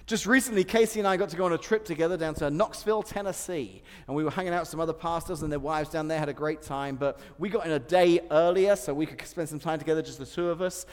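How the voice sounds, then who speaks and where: A middle-aged male pastor preaching a sermon, animated and storytelling with repetitions and humor. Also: fairly high pitch, fast talker, hardly any pauses, in a large hall.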